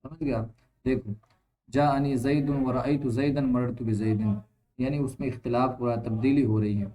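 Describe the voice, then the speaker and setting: A man teaching Arabic grammar who explains each point slowly, repeats himself and often checks that his students follow. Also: medium pitch, steady tone, mellow, poor audio. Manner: reads Arabic text aloud, then explains it. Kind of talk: classroom-style grammar lesson.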